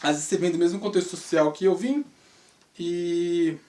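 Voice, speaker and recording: A Brazilian man in his thirties, an English teacher who hosts his own channel, delivers a casual, rambling monologue in a Brazilian Portuguese accent, tossing in rhetorical and tag questions. His voice is high and warm at a normal speed. The sound is roomy, with the mic at a distance.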